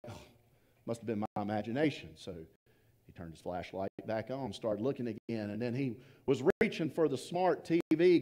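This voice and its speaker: A man preaching a sermon as pastor, telling stories and trailing off softly to drive his points home. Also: mid-range voice. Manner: storytelling, trailing off softly for emphasis.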